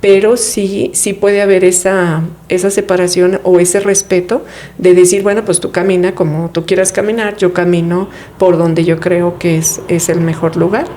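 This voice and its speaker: A woman's voice: fairly low pitch, level tone, normal speed, dark tone, slight background noise. A woman, a guest in an interview, explaining family dynamics in a reflective way, often posing rhetorical questions. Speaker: guest speaking on family therapy. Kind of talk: conversational interview.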